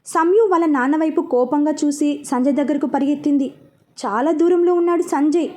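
Brief: woman narrator for a serial story, high voice, steady and even. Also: fairly quick.

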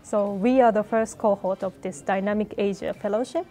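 A young woman from Japan, a research fellow speaking slowly and deliberately on camera. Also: mid-range voice, steady tone, warm tone, faint music behind. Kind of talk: introducing herself on camera.

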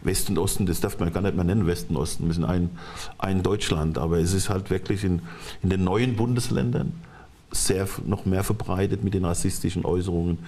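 A middle-aged man talking as a studio guest on a talk show, halting and restarting his sentences often. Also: sits low, fairly even intonation, warm tone. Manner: halting, frequent restarts and repeated words. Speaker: studio guest, former football coach.

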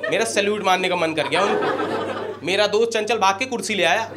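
A man with an Indian accent doing animated stand-up comedy storytelling on stage and acting out the quoted lines. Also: sits high, a little fast. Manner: animated, acts out quoted lines, addresses the crowd directly. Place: comedy stage before a live audience. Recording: live show with loud crowd laughter and noise. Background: loud audience laughter.

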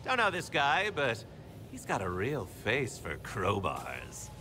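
The Joker, gleefully sinister, swooping clown. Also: male voice, mid-range voice, wildly swooping pitch, slow pace, background noise. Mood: amused mockery. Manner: mocking, theatrical, swooping delivery. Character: flamboyant, gleefully sinister younger male clown villain. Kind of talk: theatrical video game villain acting.

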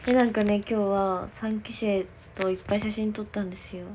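A woman's voice: medium pitch, little pitch movement, fairly quick, a little mellow, a little hiss or hum. Giggly young woman chatting on a stream. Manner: giggly and rambling, with many fillers. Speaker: idol livestreamer. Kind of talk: casual livestream chat.

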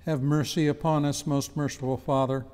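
An older man reads intercessory prayers in a slow, reverent, measured way. His voice is mellow and slightly raised, and it rings out with the long reverb of a church sanctuary. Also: a little high, flat delivery, clean tone. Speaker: prayer leader. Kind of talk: liturgical prayers of the people. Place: church chancel, indoors.

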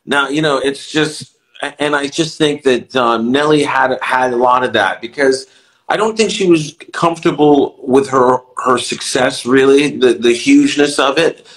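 A man's voice: medium pitch, moderate pace, a bit bright, low-quality recording. Reflective middle-aged man, interview guest. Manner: reflective, many restarts and "you know". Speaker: music producer and songwriter, guest. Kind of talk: casual interview conversation.

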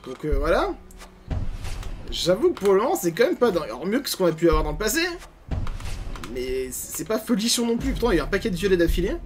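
A man giving casual gameplay commentary as a gaming YouTuber, animated, grumbling and swearing at bad loot. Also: high voice, quick pace, a little hiss or hum.

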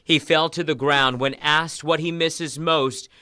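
A male television reporter delivers a news segment in a solemn voice. His pitch sits in the middle, and he keeps to an even, professional broadcast delivery. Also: measured pace, smooth, no room sound, studio quality.

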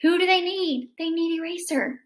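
An American woman, roughly in her thirties, reads a picture book aloud to children in a very high voice at a moderate pace. Like a teacher, she reads expressively and breaks in with comments and questions for the kids. It's recorded indoors in a home living room with a roomy sound.

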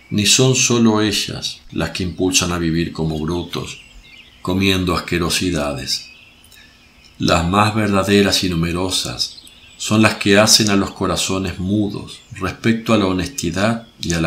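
A man's voice: deep voice, fairly bright tone. An actor playing Jesus as a grave, compassionate male teacher who preaches solemnly in a religious radio drama.

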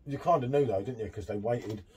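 A middle-aged man chatting excitedly while reviewing a beer at a home bar, full of tag questions. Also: on the low side, a little fast, breathy edge. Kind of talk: casual beer tasting chat.

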